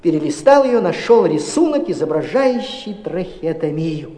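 A man giving a dramatic literary reading, expressive and tense, swinging between loud and hushed. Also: fairly high pitch. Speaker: audiobook narrator. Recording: roomy, long reverb.

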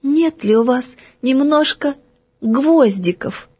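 A woman voicing a tiny, timid creature girl with a thin, high little voice in a storybook reading. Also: expressive, slow, a little mellow, slightly rough, full character voice. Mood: coy. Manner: plain, shy, short answers.

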